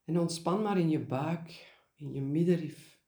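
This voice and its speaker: A man guiding a meditation in a gentle, deliberate way, pausing and repeating key words. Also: a little high, roomy sound. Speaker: meditation guide. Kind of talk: guided meditation, spoken reflection.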